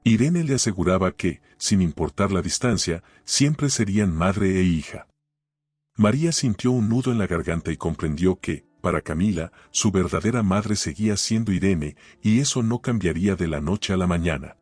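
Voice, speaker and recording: Male narrator, low husky voice, solemn scripted storytelling, dry close mic. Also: lively intonation, moderate pace, darkish tone, no room sound.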